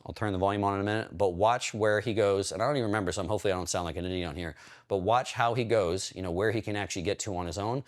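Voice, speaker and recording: A man working as a hypertrophy coach, casually breaking down a training video in a chatty, explanatory way. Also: lowish voice. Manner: chatty, explanatory, talks while pausing and scrubbing video.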